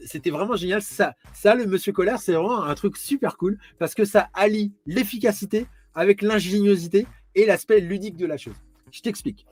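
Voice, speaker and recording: A man's voice: a little high, no echo. A man hosting a casual live stream from home, rambling and chatty as he speaks straight to the viewer. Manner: rambling, chatty, addresses viewer as tu, frequent restarts.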